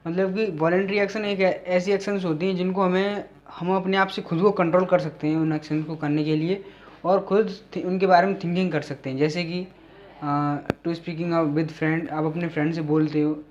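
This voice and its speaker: A man's voice: high-pitched, steady tone. Man teaching biology in a dull lo-fi recording. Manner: reads English definitions slowly, then explains in Hindi with frequent hesitations. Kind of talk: classroom lecture explaining biology.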